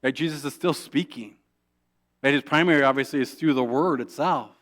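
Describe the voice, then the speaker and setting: A male pastor preaching a sermon in a conversational way, often asking "right?" and restarting his sentences. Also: mid-range voice. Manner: acts out quoted prayers in a soft, hushed voice; halting restarts and repeated words.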